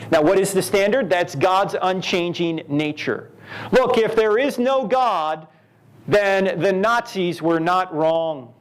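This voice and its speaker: In a university event hall, a man with a high-sitting voice delivers a live lecture. He's animated, posing rhetorical questions and weaving in stories.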